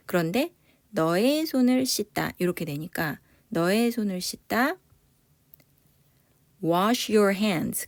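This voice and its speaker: A woman teaching English grammar in Korean, patiently explaining and saying English phrases slowly for learners to repeat, with encouraging praise. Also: on the low side, no room sound. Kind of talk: online English lesson.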